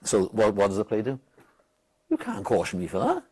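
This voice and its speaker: Animated swearing Welsh man, husky. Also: fairly low pitch, fairly quick. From Wales. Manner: animated, swears a lot, acts out quotes loudly. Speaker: football manager and guest. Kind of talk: casual storytelling.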